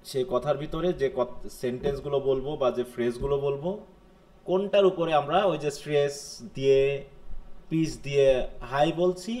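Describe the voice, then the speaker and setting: A man's voice: mid-range voice, a little mellow. Bangladeshi man teaching a class. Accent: Bangladeshi Bengali. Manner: explains in Bengali and reads English definitions slowly; keeps asking the class questions. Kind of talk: live lecture.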